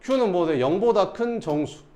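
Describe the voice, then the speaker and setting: A male math teacher giving a casual classroom lecture, often pausing to check that students follow. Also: sits high, expressive, warm tone.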